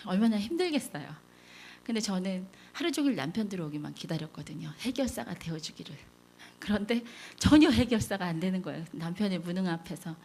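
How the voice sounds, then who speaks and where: A woman's voice: mid-range voice, expressive, a little fast, darkish tone, slight background noise. A middle-aged woman speaking as a lay seminar leader at a church, telling her story candidly and acting out the lines she once said. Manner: candid storytelling, acts out quoted lines, laughs at herself.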